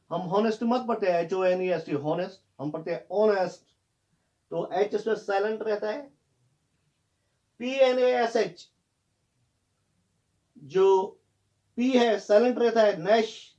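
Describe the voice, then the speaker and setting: Slow, spelling-out Hindi-speaking teacher. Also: male voice, sits high, warm tone, highs cut off. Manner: spells words letter by letter, then corrects. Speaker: English teacher. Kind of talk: classroom lesson on pronunciation.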